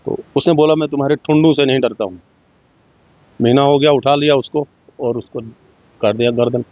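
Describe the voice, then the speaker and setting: This interview features a middle-aged man from Jammu and Kashmir earnestly narrating his own life, acting out dialogue with slight changes in voice. He talks fairly quickly at medium pitch with fairly even intonation, and the muffled, dull recording is dry, lacking any room sound.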